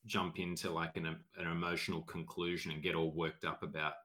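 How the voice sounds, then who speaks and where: A man with a low voice joins a relaxed reading-group chat. He feels his way through his points, restarting and hedging as he goes. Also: a little fast. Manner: tentative, restarts often. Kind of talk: casual book discussion.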